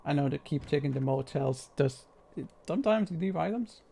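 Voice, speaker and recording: Gravelly, highish male game streamer. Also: animated, normal speed, mellow. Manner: playful, slangy. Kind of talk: casual live gameplay commentary.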